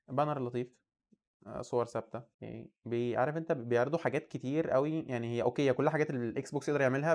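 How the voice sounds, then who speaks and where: A man's voice: mid-range voice, a little mellow. A young man in his twenties with an Egyptian Arabic accent, the host of a coding channel, chatting casually and thinking aloud as he browses and comments on what he sees. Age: 20s. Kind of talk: casual screen-share commentary.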